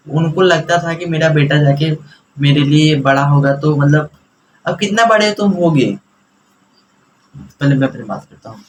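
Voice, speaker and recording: A man's voice: a little high, a little hiss or hum, rough recording. A young man teaching a class in a chatty, lecturing way, mixing English words into his explanations.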